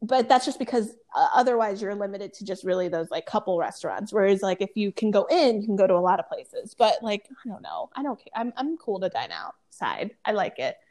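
A woman in casual podcast chat, animated, who often acts out what she said and swears freely. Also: medium pitch, a little fast, few pauses.

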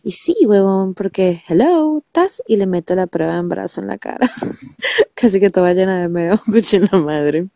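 A woman's voice: medium pitch, normal speed, gravelly, dry recording. A woman with a Venezuelan accent and a nasal, stuffed-up voice tells a personal story casually, swearing and using lots of slang. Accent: Venezuelan Spanish. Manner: profane, animated storytelling full of slang. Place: under a quilt at home.

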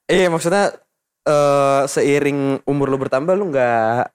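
A man's voice: mid-range voice, unhurried, clean tone. A young man hosting a casual podcast chat, teasing his guest, laughing often and talking in slang. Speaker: podcast host.

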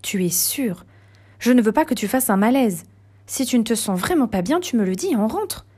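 A woman voicing a caring young woman friend in a storybook reading, soft-spoken and concerned. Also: a little high, lively intonation, normal speed, husky. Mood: worried.

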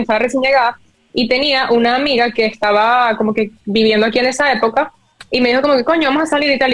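Fast high-voiced Venezuelan woman. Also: no echo. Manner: animated storytelling with slang. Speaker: podcast co-host. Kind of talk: casual chat.

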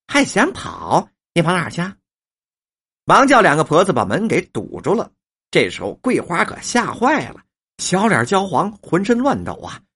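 A woman narrating a novel in a storyteller's lively cadence. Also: low voice, slightly rough.

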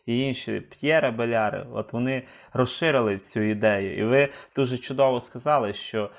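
A man in a conversation, building his points slowly with hesitant filler sounds. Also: medium pitch, creaky, highs cut off. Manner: hesitant, many 'е' fillers while building arguments. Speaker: discussion partner. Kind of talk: conversational discussion.

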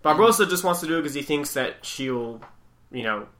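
A man co-hosting a casual movie podcast, easygoing and quick to laugh as he chats. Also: a little high, expressive, a bit bright. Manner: easygoing, laughs often while chatting. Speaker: podcast co-host.

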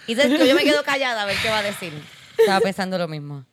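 A woman's voice: medium pitch, big pitch swings, racing. A woman hosting a casual podcast, teasing her guest in a dry way. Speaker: podcast host. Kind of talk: casual chat.

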